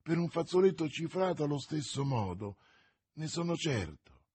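A man's voice: fairly high pitch, sing-song, moderate pace, darkish tone, husky, voice pushed up. Man voicing an ardent young gallant. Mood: insistent. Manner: impassioned, gallant. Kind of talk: audiobook reading.

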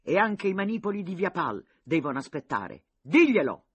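A man's voice: mid-range voice, normal speed, darkish tone, husky, no echo, lo-fi sound, lightly acted. A man doing a boy general barking orders. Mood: excited. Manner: urgent barked orders. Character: excited boy general, commanding.

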